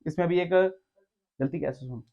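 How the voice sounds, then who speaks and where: A man tutoring physics at a board, coaxing and teasing his student and checking again and again that it is clear. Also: fairly high pitch, measured pace. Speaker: physics teacher. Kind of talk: blackboard tutoring session. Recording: dull lo-fi recording.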